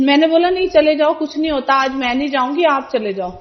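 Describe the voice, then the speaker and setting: A middle-aged woman shares a personal testimony at a satsang, retelling family events in an animated storytelling way. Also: high voice, a little fast, dull audio. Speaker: devotee sharing testimony.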